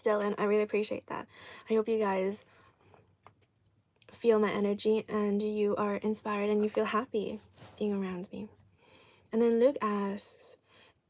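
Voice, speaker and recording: A woman's voice: medium pitch, darkish tone, no room sound. A woman live streaming an eating show, chatting casually and answering viewers while chewing and talking with food in her mouth.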